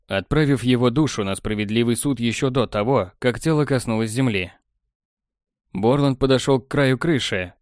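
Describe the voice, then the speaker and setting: Measured male audiobook narrator, dry sound. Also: mid-range voice, dry recording. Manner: even, measured storytelling. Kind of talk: scripted narration. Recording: dry close studio sound.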